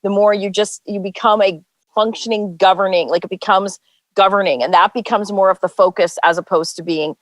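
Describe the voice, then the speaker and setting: A woman's voice: medium pitch, fairly even intonation, brisk, no room sound. Conversational woman panelist, dry sound. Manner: conversational, hedging with "I think". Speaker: political panelist. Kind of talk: casual panel chat.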